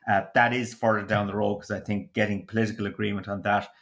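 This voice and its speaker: A man explaining tax policy on a podcast in a measured, hedging way. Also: fairly low pitch, level tone, fairly bright tone. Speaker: economics commentator. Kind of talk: podcast discussion.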